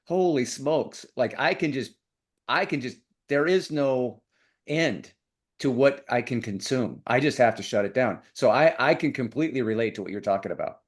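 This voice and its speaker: A man's voice: mid-range voice, expressive, moderate pace. A man hosting a podcast, asking questions in a chatty, casual way with restarts. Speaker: podcast host.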